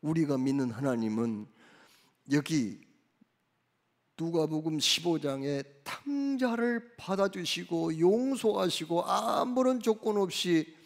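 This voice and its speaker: Man preaching a sermon, emphatic, rhetorical questions, high-pitched, reverberant sanctuary. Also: animated, takes it slowly. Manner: emphatic, rhetorical questions, dramatic swings in loudness. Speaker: pastor. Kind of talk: Sunday sermon. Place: church sanctuary. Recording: reverberant church hall.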